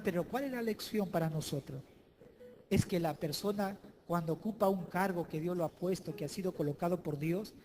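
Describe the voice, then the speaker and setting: A male pastor preaching a sermon in a church, emphatic and swinging between loud declarations and hushed asides. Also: high-pitched, a little hiss or hum.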